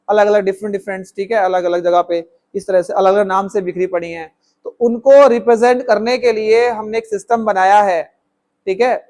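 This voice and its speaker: A man's voice: high voice, a little mellow. A man teaching a maths lesson in Hindi mixed with English terms, answering on the students' behalf and checking in with "theek hai" and "hai na". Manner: talks students through steps, voicing their answers himself; calls the viewer "my child" affectionately.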